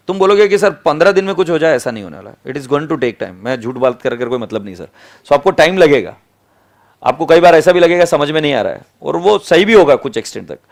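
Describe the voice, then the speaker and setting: Brief: middle-aged Indian-accented man, a lecturer in a classroom, somewhat high voice, chatty and teasing. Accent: Indian English. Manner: chatty Hindi-English mix, teasing and scolding students. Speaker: accounting lecturer.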